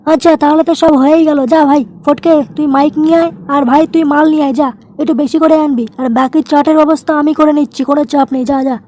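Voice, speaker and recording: A man with a West Bengal accent voicing a hot-tempered, foul-mouthed picnic ringleader in a comic cartoon, scolding and blustering through a pitched-up effect. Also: little pitch movement, fast, hardly any pauses, darkish tone. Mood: bossy.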